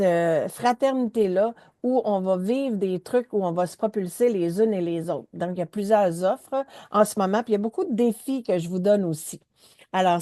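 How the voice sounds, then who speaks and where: Quebec french lady coach hosting, dark mellow tone, dry close mic, lots of little euhs. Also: medium pitch, no echo. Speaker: coach and interview host. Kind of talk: casual interview chat.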